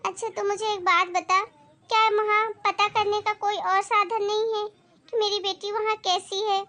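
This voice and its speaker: A woman doing a worried, gentle poor mother. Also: extremely high pitch, level tone, normal speed. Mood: anxious. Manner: anxious, gentle, soft-spoken.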